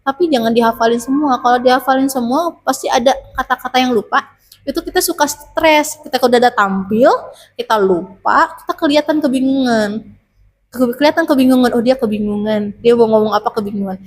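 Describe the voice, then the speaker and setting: Woman, teacher, casual advice, chatty, rhetorical questions, slightly high voice. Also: quick pace. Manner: chatty, gives tips with many rhetorical questions. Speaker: teacher interviewed about public speaking.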